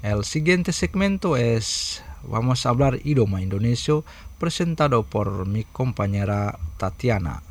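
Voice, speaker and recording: A man's voice: mid-range voice, lively intonation, a little slow, a little hiss or hum. A man reading a formal shortwave station identification and introducing the next segment. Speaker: radio announcer. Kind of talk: scripted broadcast announcement.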